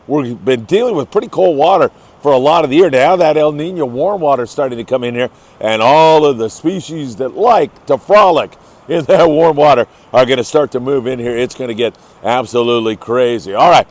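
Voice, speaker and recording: A man's voice: mid-range voice, a little mellow. A man hosting a fishing report in an upbeat, effusive manner, like a travel show host gushing about the scenery and the fishing.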